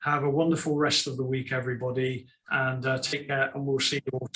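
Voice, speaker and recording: A man's voice: mid-range voice, level tone, brisk, fairly bright tone. A man hosting a panel on a video call, jokey, repeating words as he goes. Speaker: webinar host. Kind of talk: panel moderation.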